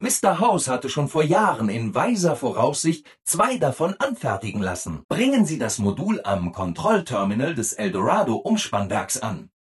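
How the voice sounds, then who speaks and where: A man voicing a relentlessly cheerful, eager-to-please robot assistant in a video game, over-polite and exaggeratedly upbeat, with a husky voice. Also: mid-range voice, big pitch swings, normal speed, few pauses. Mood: cheerfully informative.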